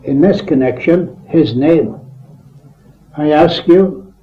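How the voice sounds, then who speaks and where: A man preacher reading a written address aloud in a solemn, measured way, heard on an old tape recording. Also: fairly high pitch, lo-fi sound.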